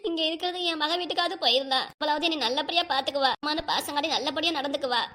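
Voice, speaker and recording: A woman voicing a crying grandmother over sixty in a cartoon, scolding her husband rapidly, with a southern Tamil Nadu dialect. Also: sits high, pushed and bright. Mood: tearful scolding. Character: upset old grandmother, wife over sixty. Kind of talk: cartoon voice acting.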